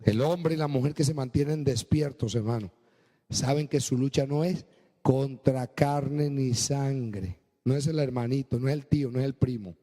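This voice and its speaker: A man preaching a sermon as pastor, swinging between low, slow stretches and high, emphatic bursts. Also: warm tone, big-room sound.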